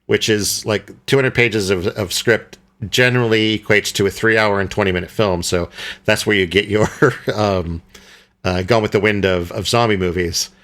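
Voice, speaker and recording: A man with a fairly low voice co-hosts a casual film podcast. He rambles in an easygoing way, restarting sentences and filling pauses with "uh" and "um" as he works out his thoughts. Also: fairly even intonation, fairly bright tone. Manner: rambling, hesitant with many fillers and restarts. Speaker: podcast co-host.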